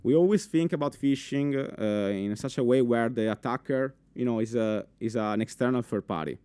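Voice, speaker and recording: In a smooth, mid-range voice at normal speed, a young man with an Italian accent presents live at a crowded conference, with no echo. He's animated, restarts often, uses plenty of fillers, and quizzes his listeners.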